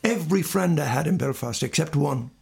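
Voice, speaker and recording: Older male, west of Ireland accent, raspy and crackly, rambling conversational storyteller. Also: a little high, expressive, fairly quick. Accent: Galway, west of Ireland. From Galway, west of Ireland. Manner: rambling anecdotes with reported dialogue. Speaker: singer and musician being interviewed.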